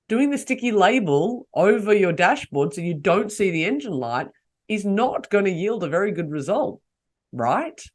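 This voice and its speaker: A woman hosting a solo podcast, coaching her listeners and asking them rhetorical questions. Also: low voice. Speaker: podcast host.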